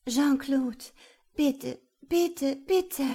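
A woman voicing a desperate young woman who pleads in a high, breathless voice in an audiobook. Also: drawn-out words, dark tone, heavily acted. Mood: pleading.

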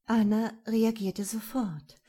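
A woman narrating a novel in a calm, measured storytelling manner. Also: fairly high pitch, slightly rough. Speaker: audiobook narrator. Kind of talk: scripted narration.

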